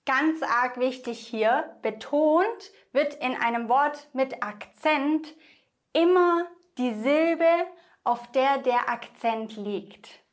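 Slow, careful woman teaching pronunciation. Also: high-pitched. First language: German. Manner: slow, careful, repeats example words for the listener to echo. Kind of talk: online language lesson.

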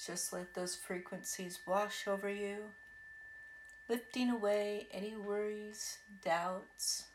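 A woman leading a guided meditation in a soothing manner, speaking in short phrases with long pauses between them. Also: medium pitch, fairly even intonation, reverberant, slight background noise. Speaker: podcast host and meditation guide. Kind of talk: guided meditation over sound healing. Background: singing bowls, chimes and ringing tones.

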